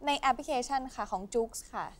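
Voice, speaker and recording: A woman's voice: on the high side, a little fast, a loud crowd. A young woman guest on a game show, polite and bubbly, talking about her new job hosting a music show.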